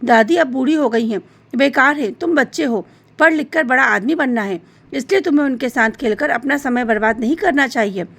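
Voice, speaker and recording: A woman's voice: high-pitched, normal speed, gravelly, fairly bright tone, exaggerated voice. A woman voicing a stern, grumpy father in a storybook tale, scolding his son.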